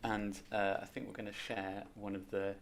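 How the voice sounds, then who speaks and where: A man, a musical theatre performer, chatting casually in a soft, quick manner that trails off. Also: on the low side, little pitch movement, a little hiss or hum. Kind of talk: casual chat.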